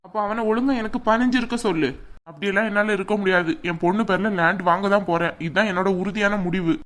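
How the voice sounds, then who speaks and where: A woman voicing a stern, quick-tempered middle-aged father in a cartoon, speaking harshly and commanding. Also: medium pitch, fairly bright tone, natural voice. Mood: angry. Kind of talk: cartoon voice acting.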